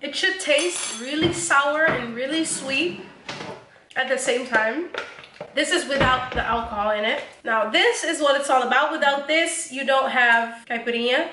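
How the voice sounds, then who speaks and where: Young woman, high voice, chatty cooking vlogger, jokey and casual, echoey kitchen. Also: measured pace, background noise. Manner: chatty, joking, laughs often, casual swearing. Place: home kitchen.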